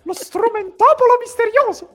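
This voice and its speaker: Squeaky chipmunk-voiced cartoon mouse. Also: male voice, moderate pace, fairly bright tone. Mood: gleeful. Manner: exclamatory, playful announcing. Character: squeaky high cartoon mouse voice, male, cheerful. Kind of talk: comic impression during a casual live chat.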